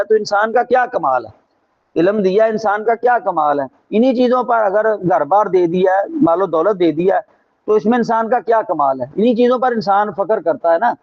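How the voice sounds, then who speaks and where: A man's voice: sits high, muffled recording. A man teaching a Quran translation class with a Pakistani Urdu accent, reciting verses and explaining them with rhetorical questions and emphatic repetition. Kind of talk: religious class lecture.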